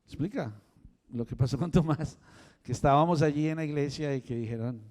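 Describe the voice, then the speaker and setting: A man's voice: a little high, fairly quick, darkish tone, big-room sound. A man pastor teaching a sermon, emphatic as he sums up each point for the congregation. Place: church sanctuary.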